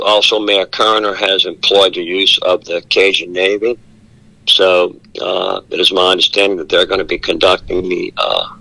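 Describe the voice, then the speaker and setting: A man giving a steady live briefing as an emergency official, with many fillers, heard over a speakerphone held up to a studio microphone. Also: sits low, vocal fry, no echo, low-quality recording. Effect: speakerphone held up to the studio mic. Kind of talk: live radio phone briefing.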